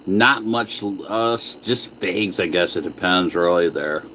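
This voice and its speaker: A man's voice: deep voice, measured pace, sharp tone, a little hiss or hum, low-quality recording. A man chatting casually on a livestream while eating, answering viewer comments and talking with his mouth full. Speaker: livestream host.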